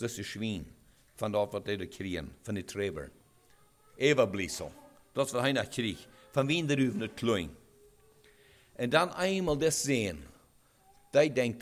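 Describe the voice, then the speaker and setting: A man preaching a sermon in a halting way, with restarts and rhetorical questions. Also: medium pitch.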